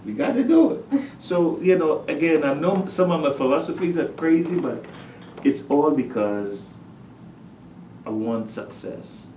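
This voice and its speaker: A middle-aged man from Trinidad, a high school principal, telling lively stories about his students in a casual interview. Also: unhurried, slight background noise. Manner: animated storyteller, acts out his talks with students. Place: school office. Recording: echoey room, distant mic.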